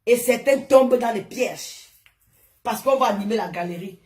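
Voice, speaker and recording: Woman on a home live stream, chatty, animated, scolds commenters, shows things to the camera, phone mic. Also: on the high side, moderate pace. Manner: talks while showing items to the camera. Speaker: social media influencer. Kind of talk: casual live stream chat with followers.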